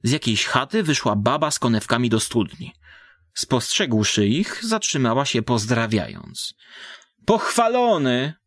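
A man reading a story aloud as scripted audiobook narration, measured and deliberate. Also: medium pitch, huge pitch swings, a bit bright, dry recording, studio quality.

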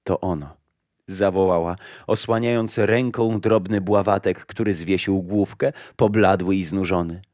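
A man narrating a fairy tale aloud in a slow, solemn storytelling manner. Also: deep voice, fairly even intonation, a little mellow, no echo, clean studio sound.

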